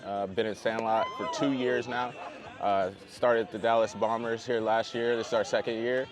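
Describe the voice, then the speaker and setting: A man's voice: mid-range voice, steady tone, moderate pace. A man, speaking matter-of-factly outdoors at a ballfield. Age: 30s. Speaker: team founder. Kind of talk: casual interview. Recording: crowd noise outdoors.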